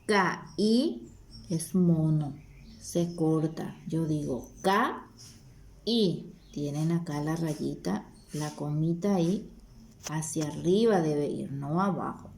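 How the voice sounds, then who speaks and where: Woman, language teacher, very slow, repeats and stresses syllables, warm mellow tone. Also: low voice, creaky, slight background noise. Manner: repeats words slowly, stresses each syllable. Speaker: Guaraní teacher. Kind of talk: slow, deliberate language lesson.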